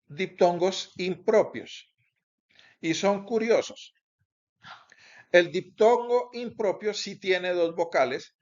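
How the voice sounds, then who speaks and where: The dull, lo-fi recording captures a man teaching Bible Greek in a class lecture. Slightly high-voiced, he lectures at a slow, deliberate pace, pausing often and correcting himself.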